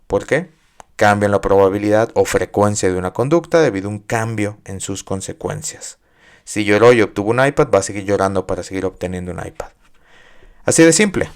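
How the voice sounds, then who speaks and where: With a lowish, clean-toned voice, a man runs a psychology podcast in a conversational style. He puts questions to his audience and illustrates ideas with everyday examples.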